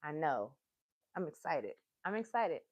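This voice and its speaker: Her voice sits low and unhurried as she hosts live story time for children, yet she's excitable and encouraging throughout. She tends to repeat phrases and refers to her young listeners as friends.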